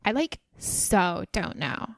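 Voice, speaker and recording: A woman's voice: mid-range voice, sing-song, takes it slowly, no room sound, clean studio sound, pitched below the performer's own voice. A woman voicing a scattered young valley-girl character in a tabletop role-play, packing every phrase with filler words. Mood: rambling.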